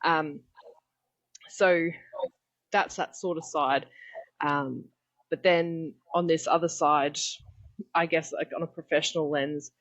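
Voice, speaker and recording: A woman's voice: low-pitched, fairly even intonation, takes it slowly, long pauses, highs cut off. Chatty Australian woman on a call. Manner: chatty, laughing, frequent "um" and "like". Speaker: podcast guest. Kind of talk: casual chat. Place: home room. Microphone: video call.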